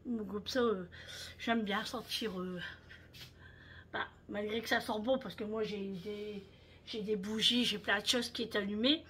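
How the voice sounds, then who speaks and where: Showing what she bought in a haul vlog, this middle-aged woman from France chats at home, full of fillers and tangents. She speaks in a mid-range, slightly bright voice with fairly even intonation and a measured pace, over slight background noise.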